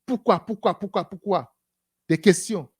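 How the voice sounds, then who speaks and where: A preacher giving an animated sermon, breaking it up with frequent hallelujahs and acted-out exchanges. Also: medium pitch, a little slow, slightly rough. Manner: animated, repeats "Alléluia", acts out dialogues.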